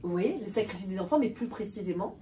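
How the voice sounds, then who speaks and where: A woman giving an animated talk to an audience, often repeating and restarting words. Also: medium pitch, fast, over a noisy crowd. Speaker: lecturer. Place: hall with a live audience. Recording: distant voice with faint room noise.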